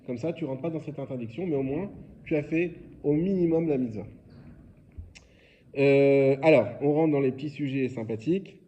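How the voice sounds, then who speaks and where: A man's voice: mid-range voice, normal speed, mellow, highs cut off. A man leading a religious quiz lesson, explaining informally and asking his students questions. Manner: informal, explanatory, asks questions then answers. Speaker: rabbi teaching a class.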